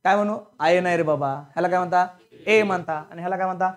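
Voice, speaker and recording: A man's voice: sits high, fast. A male teacher stands before his class and runs a call-and-response grammar drill. He repeats each question to the room until the students answer it. His speech is colloquial and blunt, with the occasional scolding edge of a strict coaching-class instructor.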